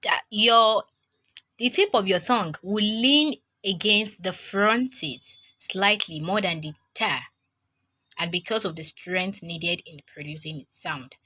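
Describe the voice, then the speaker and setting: Slow, bright-voiced woman teaching pronunciation. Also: lowish voice, husky. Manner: patient, repeats each sound several times as a demonstration. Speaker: Quran recitation teacher. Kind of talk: online pronunciation lesson.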